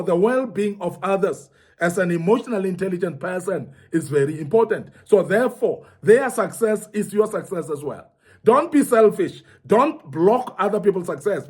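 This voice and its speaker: A middle-aged man giving an earnest motivational teaching talk to young men, repeating points for emphasis. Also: high voice. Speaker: speaker at a young men's forum.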